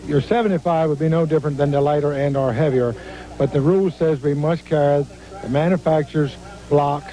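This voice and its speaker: Mellow-voiced male tractor owner explaining. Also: on the high side, steady tone, fairly quick, poor audio. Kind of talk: explanatory interview.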